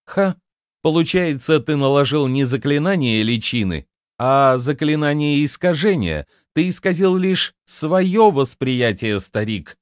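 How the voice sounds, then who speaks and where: A bold young warrior woman presses her point in a raised, forceful voice, as a male narrator puts her on. Her lines rise and fall with animated intonation. The recording is dry and up close. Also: a little high, unhurried, no echo, pitched above the performer's own voice. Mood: triumphant. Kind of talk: audiobook reading.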